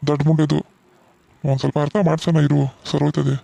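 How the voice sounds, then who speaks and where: A man voicing a gentle middle-aged village father in a cartoon, soothing and reassuring his daughter. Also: a little high, level tone, quick pace, vocal fry, no room sound. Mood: comforting. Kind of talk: cartoon voice acting.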